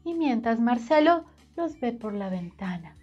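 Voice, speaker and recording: A woman reading a storybook to children in an animated, sing-song way, speaking straight to the child. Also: a little high, measured pace, lo-fi sound, soft background music.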